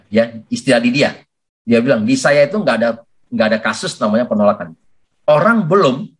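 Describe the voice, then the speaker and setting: A man giving a lively sales coaching talk for network marketing, who often addresses his listeners as sir and acts out sales conversations. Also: mid-range voice. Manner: animated, addresses listeners as "Pak" constantly.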